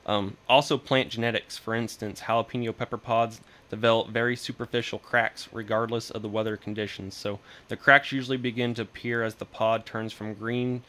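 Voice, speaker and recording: Young man, extension guest; earnest read with stumbles, bright voice. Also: fairly low pitch, level tone, a little fast, hardly any pauses. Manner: earnest, stumbles over words, starts sentences with "so". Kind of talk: reading an informational segment.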